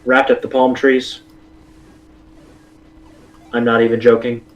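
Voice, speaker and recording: A man from South Texas chats on the stream in a relaxed, easygoing way. His voice sits at a middle pitch, and his banter stays casual. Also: takes it slowly, dull audio. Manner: easygoing, laid-back banter. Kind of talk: casual chat.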